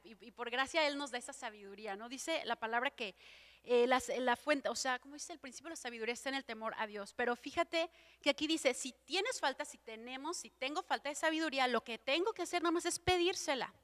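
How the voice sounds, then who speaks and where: A young woman giving an informal sermon with a personal testimony, acting out her prayers and filling pauses with "este". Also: high voice. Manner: lively, acts out her own prayers and quotes, frequent fillers like "este". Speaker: church speaker giving a testimony.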